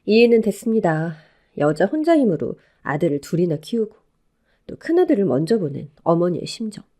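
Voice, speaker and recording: A young bride telling her own story, read by a woman for a radio drama. Her speech is polite and deferential. Her pitch moves in a lively way. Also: fairly quick. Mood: calm narration. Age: young adult. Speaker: narrator and new daughter-in-law.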